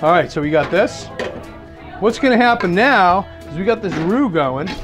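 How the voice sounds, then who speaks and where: A man's voice: high-pitched, lively intonation, normal speed. A middle-aged man from Massachusetts with a local accent, explaining each cooking step in a chatty, casual way and laughing at himself now and then. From Massachusetts, USA. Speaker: host cooking for dinner guests. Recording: music playing behind the voice.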